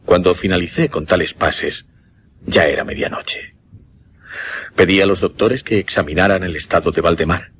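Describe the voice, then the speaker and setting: A low, slightly bright male voice, a little hiss or hum behind it, carries the role of a solemn hypnotist in Spanish radio drama. With a Castilian accent and measured, dramatic pauses, he recounts a macabre experiment in a grave, suspenseful mood.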